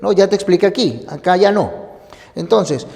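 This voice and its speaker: A male language teacher with a high voice who explains each point step by step. He asks the viewer questions as he goes. The recording carries a long hall reverb. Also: expressive, normal speed, gravelly, darkish tone. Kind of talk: recorded spelling lesson.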